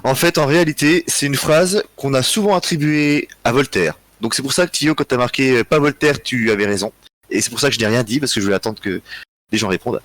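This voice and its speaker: A tired man hosting a live history quiz, reading out chat answers in a relaxed, joking way with frequent chuckles. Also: medium pitch, a little fast, no echo. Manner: relaxed, joking, chuckles often, thinks aloud. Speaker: quiz host.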